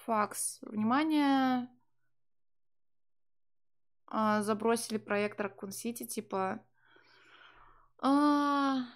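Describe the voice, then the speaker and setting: Streaming a game from a small room at home, a young woman chats to viewers with sardonic humor, swearing freely and translating the game's lines on the fly. Her voice is on the high side, extremely slow, with long pauses.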